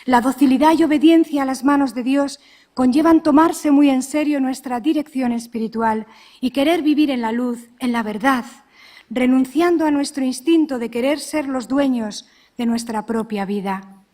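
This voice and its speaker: A middle-aged woman, a religious sister, giving a measured, earnest spiritual talk full of reflective questions. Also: high-pitched, dark tone.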